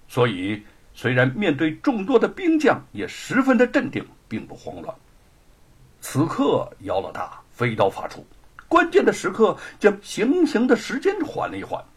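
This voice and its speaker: A man narrating a traditional Chinese story with dramatic, lively delivery. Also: fairly high pitch, breathy edge.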